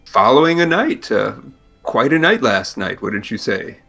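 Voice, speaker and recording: A man's voice: medium pitch, big pitch swings, measured pace, creaky, bright, forceful tone, soft background music, heavily acted. A man playing a courteous, probing adventurer in a tabletop game, speaking hesitantly and formally and repeating himself. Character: courteous, probing male adventurer making small talk.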